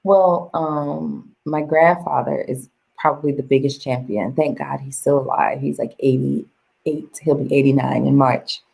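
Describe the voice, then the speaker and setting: A young woman chatting as an interview guest, animated, laughing and acting out quoted voices. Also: extremely low pitch, unhurried, creaky, breathy edge, poor audio. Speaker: guest, vocal coach. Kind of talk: casual interview chat.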